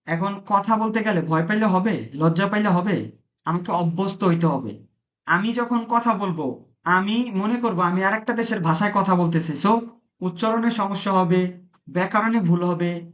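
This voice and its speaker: A man's voice: high-pitched, normal speed. A man teaches a live-streamed classroom lesson. He keeps asking his students questions and then repeats the answers back to them. The recording is dull and lo-fi. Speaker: Italian language teacher.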